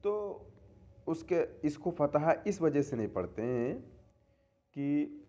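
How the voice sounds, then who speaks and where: Male tajweed teacher, animated sing-song delivery, dull lo-fi recording. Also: on the high side, slow. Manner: asks rhetorical questions and answers them, repeats key terms. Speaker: Quran recitation teacher. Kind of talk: classroom-style lesson explaining tajweed rules.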